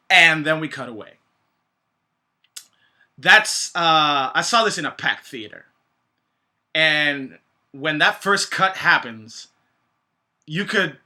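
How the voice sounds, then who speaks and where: A man's voice: fairly high pitch, pushed and bright. A man giving a casual movie review rant, informal and sweary, with emphatic points and trailing asides. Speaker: film reviewer.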